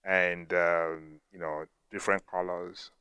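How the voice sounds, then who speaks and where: A man's voice: low-pitched, level tone, slow pace, sharp tone, smooth, no room sound, dull audio. A man hosting a podcast, chatting casually in an easygoing way with rambling asides. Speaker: podcast host. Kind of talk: casual chat.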